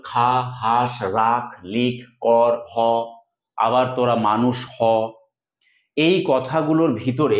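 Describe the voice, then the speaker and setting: A man's voice: mid-range voice, lo-fi sound. A male Bengali grammar teacher explaining rules step by step, repeating key points in a classroom lesson. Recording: echoey room sound.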